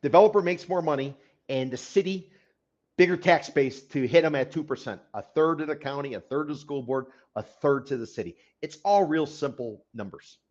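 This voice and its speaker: A man's voice: on the high side, moderate pace, darkish tone. Man, casual talk show, sarcastic explainer, repeats himself, muffled recording. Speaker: real estate consultant, co-host.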